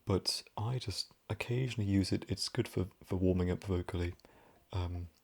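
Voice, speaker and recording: Soft-spoken man whispering ASMR. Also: moderate pace, creaky, slightly rough. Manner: soft-spoken, rambling, drifting between whisper and low voice. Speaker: ASMR creator. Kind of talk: whispered role-play.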